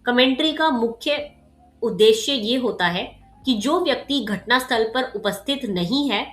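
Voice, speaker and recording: Sharp-voiced woman tutor, echoey room. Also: fairly high pitch. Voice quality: slightly sharp voice. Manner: explains with everyday examples, frequent "ठीक है" and "okay" check-ins. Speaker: exam tutor. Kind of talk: casual exam-prep lecture.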